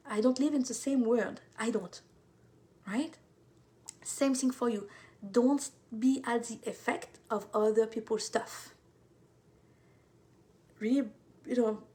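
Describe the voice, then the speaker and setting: A woman's voice: fairly high pitch, darkish tone. A woman from France with a French accent, an intuitive life coach talking casually to viewers, full of fillers and repeated words.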